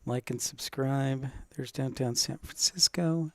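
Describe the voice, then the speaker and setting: A man's voice: mid-range voice, steady tone, unhurried, a little mellow, dry recording. Casual man hosting a livestream. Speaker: livestream host. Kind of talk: casual live planespotting commentary.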